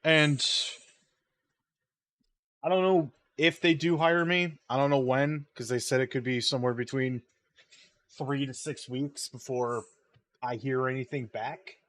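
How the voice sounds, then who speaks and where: Man, sleepy gaming streamer, rambling casual chat, slow unhurried talk, dry close sound. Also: medium pitch, fairly even intonation, a bit bright, no echo. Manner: rambling, idly hums while waiting. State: sleepy, yawning.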